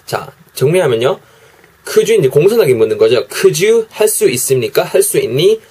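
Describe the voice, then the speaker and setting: A man teaching English expressions in a daily video lesson, explaining gently and repeating each phrase slowly. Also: on the high side, sing-song, slightly rough.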